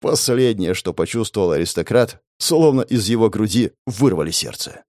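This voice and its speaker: A man's voice: on the low side, expressive, normal speed, a little mellow, no room sound, studio quality. A man giving gritty, intense first-person fantasy audiobook narration, swearing now and then.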